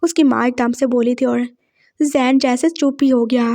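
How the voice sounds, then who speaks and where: A woman narrating a fan fiction story in a plain, steady reading voice. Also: sits high, normal speed.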